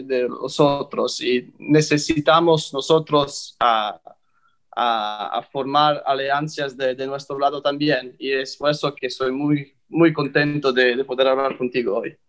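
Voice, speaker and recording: A man with a slightly high voice speaks non-native Spanish at a very slow pace. He is an interviewer giving conversational commentary, halting and repeating words as he searches for the next one. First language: not Spanish.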